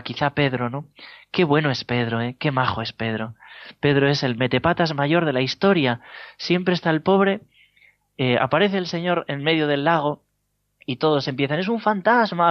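Spanish priest preaching, jokey storyteller, kinda muffled dry recording. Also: male voice, mid-range voice, no echo. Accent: Spain Spanish. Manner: humorous storytelling with chuckles. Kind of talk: sermon. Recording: dull lo-fi dry sound.

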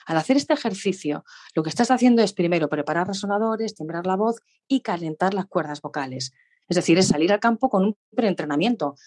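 A woman vocal coach explaining voice technique in a radio interview, lively and demonstrative, laughing often. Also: on the low side. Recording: radio studio.

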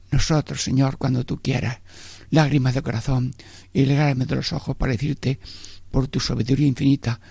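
Male priest, prayerful sermon, husky voice, creaky. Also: mid-range voice, warm tone, no room sound. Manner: prayerful, speaks directly to God in meditation.

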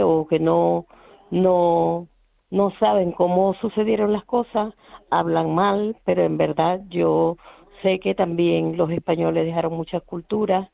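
Brief: earnest halting phone-in caller from Venezuela, rough high voice, thin phone sound. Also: male voice, no echo. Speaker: radio caller. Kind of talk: phone-in comment. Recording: tinny phone line.

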